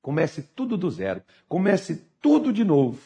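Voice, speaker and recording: A pastor preaching a sermon, swinging from fervent shouting to hushed, urgent asides. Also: male voice, sits high, very animated, normal speed.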